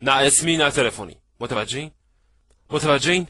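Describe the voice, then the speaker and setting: Casting note: male seminar trainer, husky edge, dry close sound, lively, acts out scenes. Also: mid-range voice, no room sound. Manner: lively, acts out little scenes, asks the audience if they follow. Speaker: networking trainer. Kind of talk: animated seminar lecture.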